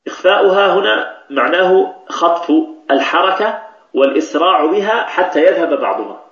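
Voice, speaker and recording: A man's voice: sits high, expressive, moderate pace, a bit bright. A man teaching Quran recitation rules, explaining patiently and repeating key phrases. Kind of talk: tajweed lesson with recited examples. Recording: echoey, dull lo-fi recording.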